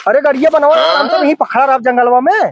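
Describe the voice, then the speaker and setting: A man's voice: very high-pitched, steady tone, fast, lo-fi sound, a crowd in the background. A man playing an exasperated stranded motorist in an Awadhi comedy sketch, complaining and urging with an Awadhi accent. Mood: impatient. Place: outdoors by a roadside. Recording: noisy outdoor recording with clicks.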